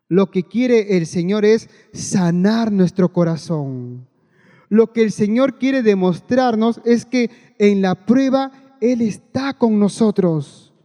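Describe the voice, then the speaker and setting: Guy preaching a sermon, really high mellow voice, earnest, keeps repeating himself, big church reverb. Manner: earnest, repeats phrases, keeps addressing the congregation. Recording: long hall reverb.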